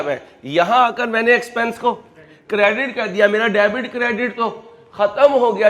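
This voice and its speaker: A man with a Pakistani Urdu accent giving an animated accounting lecture, calling students "beta" and acting out their objections. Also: high-pitched. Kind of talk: classroom lecture.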